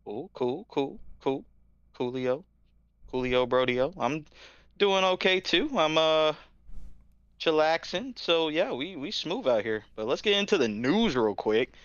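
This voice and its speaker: A man's voice: a little high, lively intonation, measured pace, fairly bright tone, clear, resonant tone, no echo, muffled recording. Joking, slangy male podcast co-host. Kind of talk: casual podcast chat.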